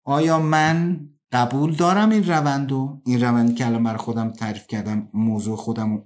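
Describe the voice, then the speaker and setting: A man giving an earnest self-help talk, slowing down to stress points and acting out everyday scenes in quick bursts. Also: mid-range voice, steady tone. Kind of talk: motivational talk.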